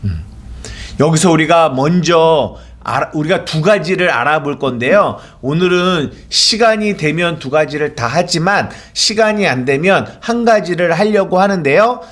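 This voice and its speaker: A man's voice: fairly high pitch, lively intonation, moderate pace, a bit bright. A man preaching a sermon in a church, asking the congregation questions and answering them himself. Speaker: pastor.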